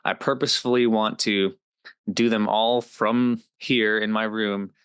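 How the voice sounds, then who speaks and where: A man's voice: lowish voice, level tone, measured pace, fairly bright tone, clean tone, dry recording. A man in his twenties, a comedy creator, chatting casually as a guest, upbeat and rambling with lots of fillers. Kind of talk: casual interview chat.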